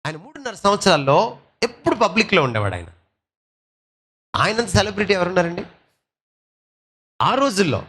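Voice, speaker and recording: A male pastor preaching a sermon, asking rhetorical questions, slipping English phrases into his talk, and swinging between loud and soft delivery. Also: high-pitched, very animated, normal speed, long pauses.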